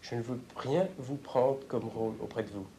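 A young man confronting his analyst in a heated argument, provocative, swinging between raised voice and hushed tones, caught on a portable tape recorder in an office. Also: medium pitch, moderate pace, a little hiss or hum. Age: young adult. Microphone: hidden portable tape recorder.

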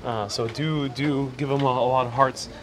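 A man's voice: mid-range voice, fairly even intonation, moderate pace, crowd noise. A man with a mixed accent, a native Spanish speaker, hosting a casual livestream outdoors. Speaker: livestream host. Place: outdoors, evening streets and harbor. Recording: noisy outdoor street ambience.

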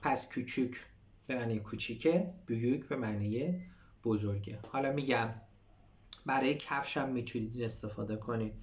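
Man, language teacher, reads Turkish lines then explains them, mid-pitched voice. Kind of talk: explaining a textbook dialogue.

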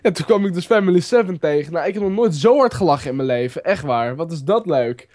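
Animated high-voiced young man. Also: quick pace, dry recording, clean studio sound. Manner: animated, laughs easily, swears. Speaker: co-player. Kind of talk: casual gaming banter.

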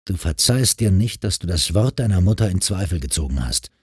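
A man voicing a calm, caring grown man in an audiobook who patiently talks a troubled girl round. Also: sits low, fairly quick, husky, no room sound, studio quality, full character voice. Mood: earnest.

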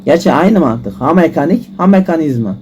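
A man giving frustrated gameplay commentary, swearing and shouting at the game. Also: a little high, expressive, fairly quick, slight background noise. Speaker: gaming YouTuber. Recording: music loud behind voice.

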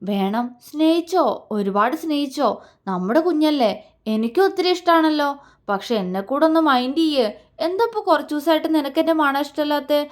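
A woman's voice: sits high, expressive, brisk. A woman reading a sulky pouting young husband. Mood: sulking. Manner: petulant, whiny complaining.

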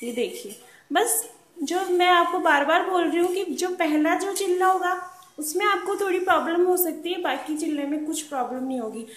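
A woman with a high voice calmly demonstrates a recipe at her home stove, patiently repeating each tip for her viewers. The kitchen sounds roomy, with pans clinking behind her. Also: normal speed, a little hiss or hum. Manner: calm, patient instructional talk, repeats tips. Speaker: cooking channel host. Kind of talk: step-by-step cooking demonstration.

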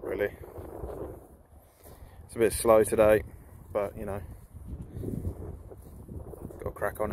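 A man's voice: fairly low pitch, gravelly, noisy background. A man chatting casually and joking while filming an outdoor metal-detecting trip in a farm field. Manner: jokey, self-deprecating banter. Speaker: vlog host filming a metal-detecting outing. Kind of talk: casual chat.

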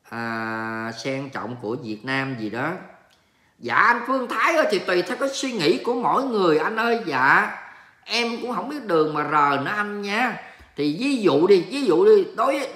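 This Vietnamese livestreamer has a fairly high, bright, pushed voice as he jokes excitedly and reads viewers' comments aloud, slipping in English here and there. He's broadcasting casually from his Texas home, in a room with noticeable echo.

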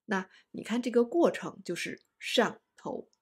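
A woman teaching an online language lesson, explaining words slowly and stressing each example. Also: fairly high pitch, expressive, slightly rough.

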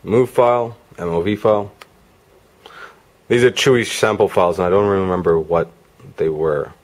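In a deep voice at normal speed, a man reviews a gadget with an informal, hands-on demo. He keeps things casual and unscripted while music from demo videos plays on a player behind him.

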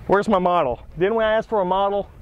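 A man's voice: sits high, fairly quick, dull audio, crowd noise. A man hosting a boat dealer's video, giving an upbeat, salesy walkthrough of a boat. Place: outdoors at a marina on a boat.

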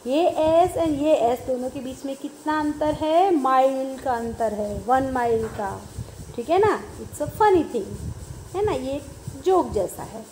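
A woman's voice: sits high, animated, warm tone, a little hiss or hum. A young Indian woman teaching an English lesson in Hindi, sounding out words and quizzing the class. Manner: repeats words slowly and asks the class questions.

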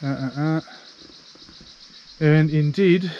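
A man with a slightly high voice chats informally as a travel vlogger. He comments casually on his surroundings in the open air. Light ambient noise sits behind his voice. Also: slow pace, mellow, highs cut off. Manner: informal, chatty, occasional swearing. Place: outdoors on forest walking paths.

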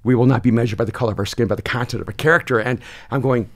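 As a guest on a podcast, the Salvadoran-born pastor and author in his sixties tells reflective stories conversationally, expansive and gesturing a lot, in a dark studio with a close boom-mounted mic. His voice has a medium pitch and fairly even intonation, with quick bursts giving way to slow emphasis.

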